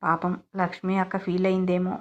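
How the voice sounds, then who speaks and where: A woman voicing a shy, bashful young bride who speaks softly. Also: lowish voice, monotone, a little fast, lo-fi sound, lightly acted. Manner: soft, bashful.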